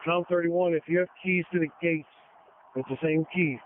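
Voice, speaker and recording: A man's voice: a little high, fairly even intonation, moderate pace, a little hiss or hum. A man commanding police over the radio, blunt and emphatic, repeating his orders. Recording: tinny narrow-band police radio audio.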